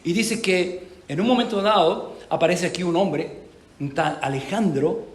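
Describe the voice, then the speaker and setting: A man preaching a sermon in church, animated, with rhetorical questions and emphatic repetition. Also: high voice, measured pace. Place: church hall. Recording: echoey church hall.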